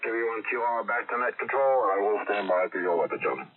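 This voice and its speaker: A man's voice: on the low side, very fast, a crowd in the background. A man from Massachusetts checking into an amateur radio weather net, reading off his readings in clipped call-sign style over a static-filled ham radio transmission. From Massachusetts, USA. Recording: tinny, static-filled ham radio line with loud background noise.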